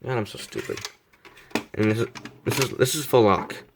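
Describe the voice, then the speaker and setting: A man's voice: mid-range voice, lively intonation, moderate pace, creaky, background noise. A young man casually reviewing a model car, rambling, repeating himself and poking fun at himself. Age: young adult. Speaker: die-cast model reviewer.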